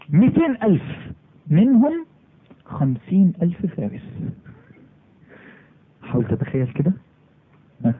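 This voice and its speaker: Fast husky Egyptian man preaching. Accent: Egyptian Arabic. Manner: animated, acts out dialogue in lowered voice. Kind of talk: sermon storytelling. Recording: phone-like recording.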